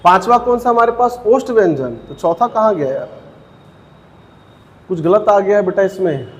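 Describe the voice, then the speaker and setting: High-voiced male teacher, echoing room. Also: animated. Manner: asks the class questions and answers them himself, repeating key terms; says each sound slowly, one by one. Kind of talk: exam-prep Hindi grammar lesson.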